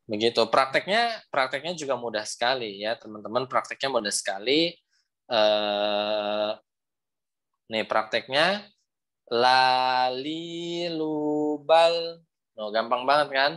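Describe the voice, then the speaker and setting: A man's voice: medium pitch, bright, forceful tone. Patient young man teaching over a video call. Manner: patient, repeats points, models sounds slowly. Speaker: Quran recitation teacher. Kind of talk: online class teaching.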